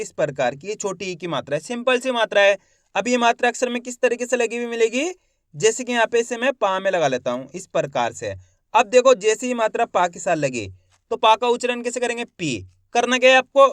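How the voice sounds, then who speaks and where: Male reading teacher, fairly high and clear voice, dry close recording; asks questions and answers them, stretching syllables. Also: no echo. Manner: repeats questions and answers them himself, drawing out syllables slowly. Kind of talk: online reading lesson.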